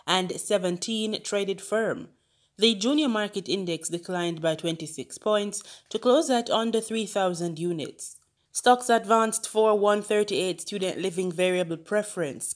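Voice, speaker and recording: A woman business reporter steadily reading market figures from a script. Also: mid-range voice.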